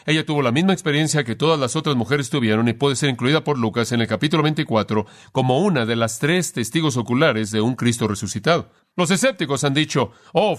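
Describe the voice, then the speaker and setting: A man preaching an expository sermon, telling the story with lively rhetorical questions. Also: medium pitch.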